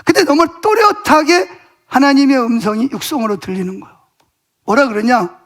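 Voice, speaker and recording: A middle-aged man preaching in a church, telling a story from the pulpit and acting out the conversations in it. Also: extremely high pitch. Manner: animated storytelling, acting out dialogue with God and others. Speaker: pastor. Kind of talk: sermon with storytelling. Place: church sanctuary.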